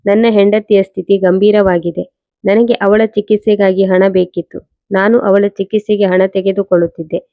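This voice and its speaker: A woman voicing a deceitful adult husband who talks with false gentleness that turns threatening, read in the narrator's own voice. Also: mid-range voice, level tone, moderate pace, no room sound, close to an everyday voice. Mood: pleading. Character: smooth-talking deceitful husband, adult man. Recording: dull lo-fi recording.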